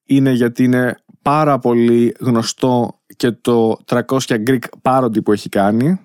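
A man's voice: mid-range voice, fairly even intonation, a little mellow, clean tone, dry recording, studio quality. A man hosting a casual interview, talking in loose, rambling sentences. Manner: rambling, many fillers and restarts. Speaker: podcast host.

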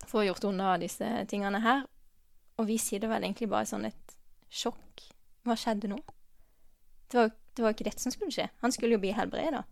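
A woman giving a personal faith testimony, halting and earnest, with many pauses and restarts, sometimes dropping to a soft whisper. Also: medium pitch, gravelly, dry recording. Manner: drops to a soft whisper at tender moments. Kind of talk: personal testimony, spoken from memory.

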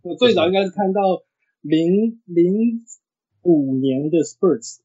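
A man in his thirties with a husky voice, chatting casually as a sports podcast guest. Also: sits high, lively intonation, slow pace, dark tone. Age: 30s. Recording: dull, lo-fi audio.

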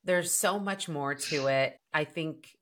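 A woman's voice: low voice, slow, a bit bright. A woman co-hosting a dating podcast, reflecting in casual chat with many fillers. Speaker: podcast co-host, dating coach.

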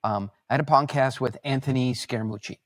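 A man of middle pitch, speaking as a podcast guest in an animated storytelling manner. He often stops mid-phrase to correct himself, and the recording is dry and close with no room sound. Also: no room sound. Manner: halting, self-correcting, animated anecdotes.

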